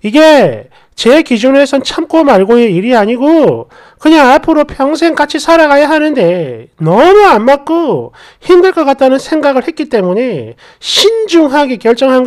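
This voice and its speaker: Lively woman narrating a story. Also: sits high. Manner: indignant, questioning tone. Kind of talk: scripted first-person story reading.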